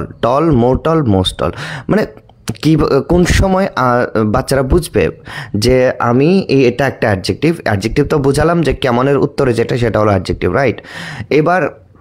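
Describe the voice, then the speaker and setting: Man, English teacher, grammar lesson, very animated pitch, asks and answers himself, drawn-out example words. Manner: stretches out words, spelling and repeating them slowly; frequent fillers and restarts, asking and answering his own questions. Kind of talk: explanatory lesson.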